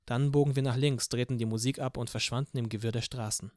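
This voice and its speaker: A man narrating a novel in the first person as an audiobook, in a steady storytelling manner. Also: medium pitch, fast talker, no echo, clean studio sound. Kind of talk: scripted narration.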